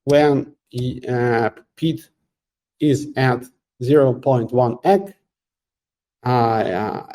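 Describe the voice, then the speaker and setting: Male host, middle-aged, warm low-key voice, halting and filler-heavy live Q&A delivery. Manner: halting, many fillers and restarts, occasional laughs. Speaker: AMA host answering community questions. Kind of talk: casual live Q&A.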